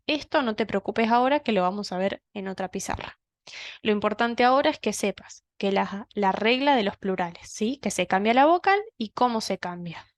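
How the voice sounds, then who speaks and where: A woman's voice: mid-range voice, no echo, clean studio sound. A woman, teaching Italian grammar at a whiteboard in a patient way and often checking in with "¿sí?".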